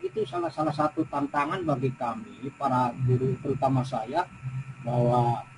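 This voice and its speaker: A middle-aged male teacher with a West Javanese Indonesian accent, answering in a coaching session. He talks haltingly, restarting and repeating himself, at a medium pitch. A faint noise sits under the recording. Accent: Indonesian, West Java. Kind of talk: coaching practice conversation.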